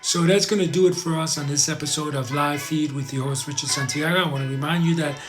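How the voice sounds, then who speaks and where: With music playing in the background, a man with a fairly high, steady voice talks quickly on his casual livestream. He reads out viewer comments, refers to his audience as "guys," and rambles, restating his advice to stress it.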